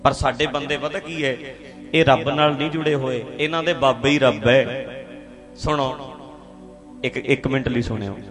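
A man's voice: medium pitch, fairly even intonation, normal speed, pauses often, over music. A man from India giving a public talk on religion, stressing points by repeating phrases and putting questions to the audience. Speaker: speaker addressing an audience.

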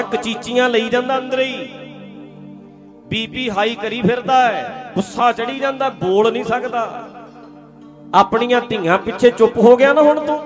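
A man preaching a conversational Sikh sermon, earnestly putting rhetorical questions to his listeners and speaking to them directly. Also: high voice.

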